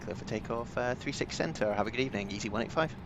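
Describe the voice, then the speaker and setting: A man's voice: fairly low pitch, fast talker, background noise. A man streaming a flight simulator, giving clipped pilot radio calls into a cockpit headset mic.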